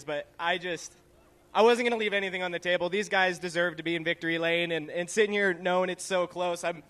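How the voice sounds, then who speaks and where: Earnest race driver, a bright-voiced man. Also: high voice. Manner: earnest, playful with fans. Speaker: second-place driver. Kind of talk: post-race interview. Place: trackside at a racetrack, outdoors.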